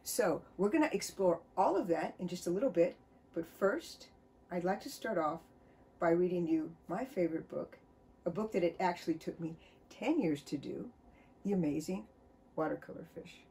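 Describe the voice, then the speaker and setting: In her home studio lined with books, a middle-aged American children's author chats and reads a storybook aloud with cheerful, lively storytime flair. Her pitch is fairly low and her pace moderate.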